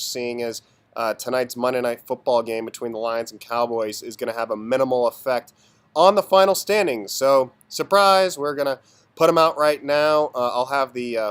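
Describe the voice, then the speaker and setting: Hoarse man announcing league standings. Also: medium pitch. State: hoarse, sick. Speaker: fantasy football league commissioner and host. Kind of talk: casual video announcement of standings.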